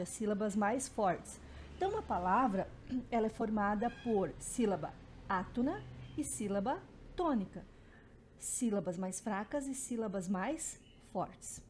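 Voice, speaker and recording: Woman teacher, higher voice, warm mellow tone, explanatory lesson delivery. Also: slight background noise. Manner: explanatory, repeats terms, frequent "né" and "então". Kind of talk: recorded Portuguese phonetics lesson.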